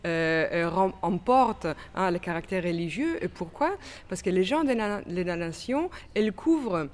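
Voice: medium pitch, darkish tone, a little hiss or hum. An exhibition curator explaining history in an interview, with frequent fillers and restarts. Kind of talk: expert interview answers.

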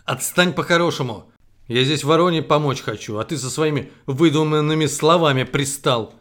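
A man's voice: on the high side, normal speed, a bit bright, natural voice. A man voicing a stern, self-important old female owl in a children's story, scolding sharply. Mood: angry.

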